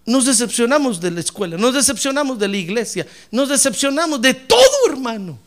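A man preaching a lively sermon as a pastor, acting out church members in comic voices. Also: very high-pitched, fairly quick.

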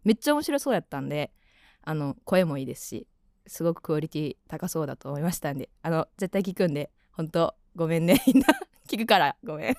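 A young woman with a Kansai accent hosts a late-night radio chat, her voice low-pitched but swinging widely up and down. She talks in a loose, rambling way full of fillers, recorded on a dry studio mic. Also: lively intonation, fast, darkish tone, no room sound. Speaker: radio show host.

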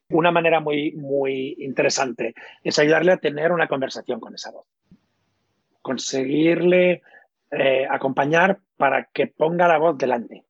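Speaking in a husky voice on the high side, a male coach and trainer gives an interview on how he works. He explains his methods thoughtfully, with frequent hesitations partway through sentences. The audio is dry, dull and lo-fi.

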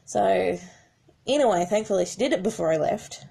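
A woman's voice: medium pitch, animated, normal speed, vocal fry, mellow, slightly rough. A woman telling a personal story in a rambling, emotional way, with many restarts. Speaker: horse owner. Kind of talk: casual storytelling.

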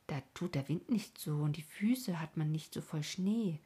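A woman voicing a dreamy, wistful young boy in a storybook reading, speaking softly and thoughtfully. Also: low-pitched, normal speed, husky. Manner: soft, longing, thoughtful.

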